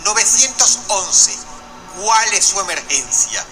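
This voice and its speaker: A man reading the lines of a calm female emergency operator, asking slow, measured questions. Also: high voice, exaggerated voice.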